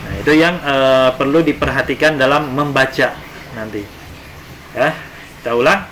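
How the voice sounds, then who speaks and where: A man's voice: mid-range voice, fairly even intonation, normal speed, fairly bright tone, rough recording. A man teaching an Arabic lesson in Indonesian. He reads Arabic phrases aloud, then translates and explains them step by step. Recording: faint background noise.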